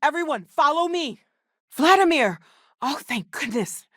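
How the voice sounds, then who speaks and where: A brisk woman explorer in a video game. Her voice is high and very animated, recorded dry. She is commanding and impatient, speaking in emphatic bursts. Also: dry recording. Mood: urgent. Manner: terse, emphatic. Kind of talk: video game dialogue, dramatic acting.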